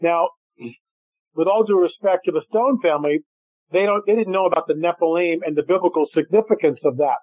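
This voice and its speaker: A man telling stories in a radio interview, animated, acting out what people said. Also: high-pitched, brisk, slightly rough, dry recording. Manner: animated storyteller, acts out quotes. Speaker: guest filmmaker. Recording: dry tinny phone line.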